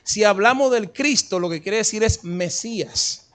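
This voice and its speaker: A man's voice: high-pitched, measured pace, a bit bright. A man preaching a Bible study sermon, emphatic, speaking straight to his listeners and retelling scripture dramatically.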